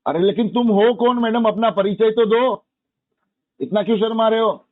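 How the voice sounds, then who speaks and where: A man's voice: sits high, moderate pace, dry recording. Mocking man on a tinny phone line. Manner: mocking, combative. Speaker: borrower being called.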